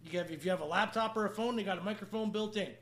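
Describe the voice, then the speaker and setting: High, bright-voiced male podcast host. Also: racing. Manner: teasing, profane. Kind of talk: casual comic banter.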